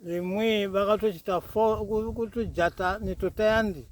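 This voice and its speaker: A man's voice: high-pitched, fairly even intonation, normal speed. A man being interviewed, telling about his people's history in short statements. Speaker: interviewee, elder. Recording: windy outdoor recording, boat noise.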